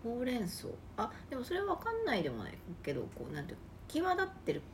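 A woman co-hosting a casual podcast chat, chatty and quick to tease. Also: sits high, huge pitch swings, noisy background. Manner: quick, chatty, teasing reactions. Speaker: podcast co-host.

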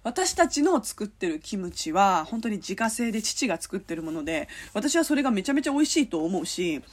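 A young woman from Korea, a native Korean speaker, hosts her own podcast. Her voice is slightly husky and breathy, and she talks in an animated, chatty way. Her pitch swings widely, and she laughs often. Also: fairly quick. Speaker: podcast host. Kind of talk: casual solo chat.

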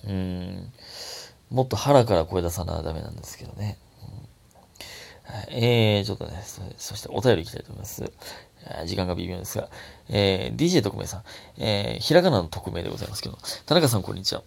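A young man with a Kansai accent, a comedian chatting solo on his own show, his throat a little hoarse and his voice jumping up high when he gets excited. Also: fast talker. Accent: Kansai Japanese. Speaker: comedian podcast host. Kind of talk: casual solo talk.

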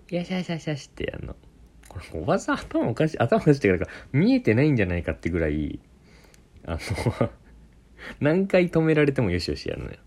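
A man telling a funny story in a casual monologue, laughing often and imitating the people he quotes. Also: fairly low pitch. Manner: animated, laughing often, quoting people with put-on voices.

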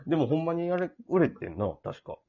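A man's voice: a little high, sing-song, brisk, creaky, phone-quality sound, crowd noise. A man with an Osaka-area Kansai accent chatting casually as a radio talk co-host. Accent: Osaka-area Kansai Japanese. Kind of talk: casual two-person banter.

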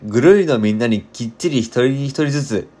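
Man, storybook narration, mid-range pitch, chatty, casual telling. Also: expressive, brisk, darkish tone. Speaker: volunteer reader.

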